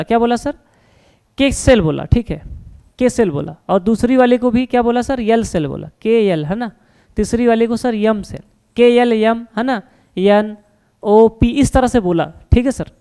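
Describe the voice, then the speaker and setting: A man's voice: high voice, warm tone, clean tone. A man teaching a science lesson at a board, posing questions and answering them himself and reassuring his students as he goes. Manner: asks questions and answers them himself, calls listeners "beta" and "sir"; reassuring, repeats "no problem".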